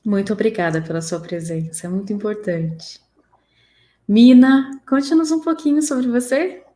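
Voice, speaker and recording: A woman from the São hosts a live panel in Brazil. Her pitch is average and she talks semi-spontaneously, like a moderator. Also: moderate pace, dark tone. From São José do Rio Preto, Brazil. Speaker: live-stream host.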